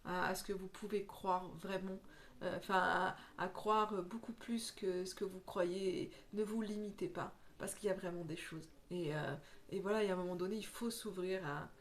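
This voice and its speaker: This woman, a medium, gives oracle card readings in a casual spiritual vlog. Her voice sits at a medium pitch with a steady tone and normal pace, and she rambles earnestly, restarting often.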